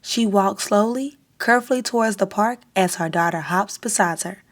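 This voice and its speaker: At a storytime session, a woman reads a children's picture book aloud. Her mid-range voice is deliberate and full of expression.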